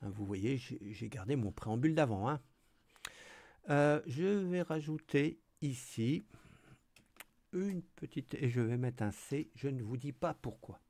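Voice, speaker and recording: Relaxed tutor thinking aloud; slow pace, low dark voice. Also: male voice, gravelly. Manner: relaxed, hesitant, thinking aloud with many fillers. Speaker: tutorial host. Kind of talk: screen-recorded coding tutorial.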